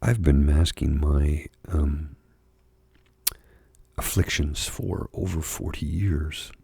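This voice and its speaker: A middle-aged or older man with a husky, gravelly voice gives a soft-spoken, confessional ASMR monologue, confiding in a halting, reflective way. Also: very deep voice, fairly even intonation, no room sound. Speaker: ASMR host.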